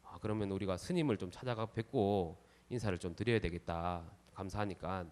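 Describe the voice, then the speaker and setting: A man's voice: sits low, fairly quick, darkish tone, big-room sound, pitched below the performer's own voice, lightly acted. A man, a monk telling a story in a sermon, voicing a remorseful miner husband apologizing to his wife. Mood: apologetic.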